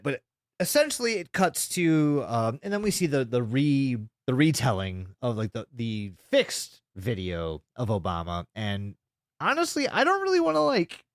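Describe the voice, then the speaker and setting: A man whose voice is a little high co-hosts a podcast recapping a web horror series. The chat is casual, informal and emphatic, packed with swearing, and the studio-quality audio has no echo.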